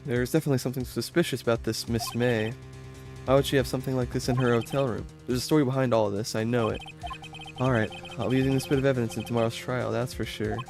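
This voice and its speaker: An earnest male defense lawyer from a video game, voiced by a man. He muses aloud with some self-doubt in a medium-pitched voice over faint music. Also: fairly even intonation, quick pace, gravelly, lightly acted. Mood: pondering, suspicious.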